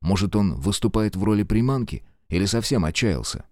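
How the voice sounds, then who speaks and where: A man narrating a first-person audiobook in a steady, expressive storytelling manner. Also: fairly low pitch, a little fast, dry recording, clean studio sound.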